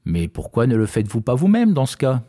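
A man's voice: medium pitch, wildly swooping pitch, fairly quick, warm tone. A man voicing a poor, timid old fisherman asking anxious questions in a fairy tale. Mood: worried.

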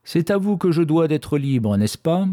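A man's voice: a little high, big pitch swings, measured pace, mellow, pitched above the performer's own voice. A man voicing a grand male dragon who speaks formally and graciously in a told fairy tale. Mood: courteous. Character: grand freed male dragon, courteous and wise.

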